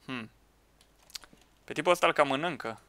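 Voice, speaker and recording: A man commenting on a Minecraft match with friends, excitable, shouting at teammates and laughing. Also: a little high, no echo. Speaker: gaming YouTuber.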